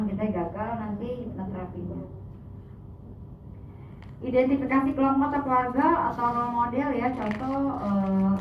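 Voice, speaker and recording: A woman lecturing a class in a chatty, animated way, her voice a touch high. She is caught by a mic some distance off in an echoey room, and the sound is thin and tinny with a faint hiss. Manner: chatty, animated, acts out soothing patient instructions. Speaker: hypnotherapy trainer.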